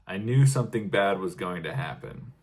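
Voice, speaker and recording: A low-pitched man chatting on a comedy podcast, with a deep, steady voice. He reads out news items in a deadpan way and breaks off for dry jokes. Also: moderate pace. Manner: deadpan, reads news clippings aloud with wry asides. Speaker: podcast co-host. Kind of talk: casual comedic podcast chat.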